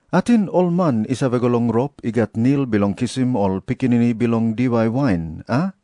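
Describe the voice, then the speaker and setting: A man with a Papua New Guinean accent reading scripture aloud in a measured storytelling manner. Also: medium pitch, warm tone, no room sound, studio quality. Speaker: Bible reader.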